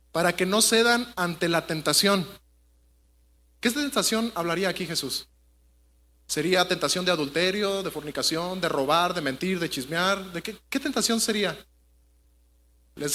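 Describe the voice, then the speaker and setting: High, bright-voiced male preacher. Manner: conversational preaching with rhetorical questions to the congregation. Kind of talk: sermon. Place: church.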